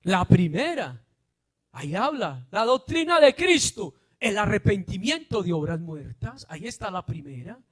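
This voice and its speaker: High-pitched man preaching a fiery sermon. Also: big pitch swings, unhurried. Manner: preaching with rhetorical questions to the congregation, often shouting. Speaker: pastor.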